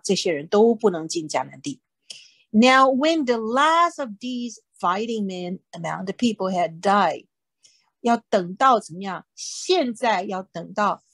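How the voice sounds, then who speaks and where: A woman teaching a Bible lesson in Mandarin, slowly repeating and spelling out English words and often adding "OK". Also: mid-range voice, breathy edge, no room sound.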